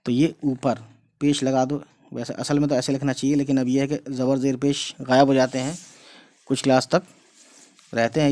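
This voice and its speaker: A man's voice: mid-range voice, mellow. A man teaching an Urdu lesson online, explaining patiently and repeatedly, checking in with viewers and calling them guys. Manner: addresses viewers casually as guys.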